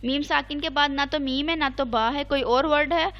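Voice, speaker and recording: Brief: high, clear female teacher; patient online recitation lesson, repeats and checks. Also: steady tone, dull audio. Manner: chants Arabic examples slowly.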